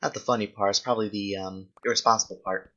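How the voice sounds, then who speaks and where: This young adult video host speaks fast in a low, steady voice that's pushed and bright, on lo-fi audio. They chat casually while gaming, answering viewer questions, rambling, thinking aloud and often self-correcting.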